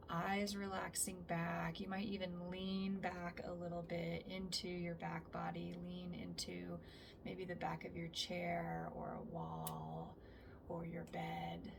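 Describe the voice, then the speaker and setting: A woman instructor leading a calm grounding exercise, speaking gently and letting phrases trail off softly. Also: lowish voice, creaky. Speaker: somatic practice instructor. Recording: distant mic with faint background noise.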